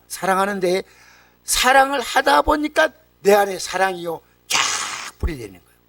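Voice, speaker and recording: A man preaching a sermon as pastor, impassioned, swinging between loud cries and near-whispers, with regional Korean dialect in his speech. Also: high-pitched, no echo, recorded from a distance.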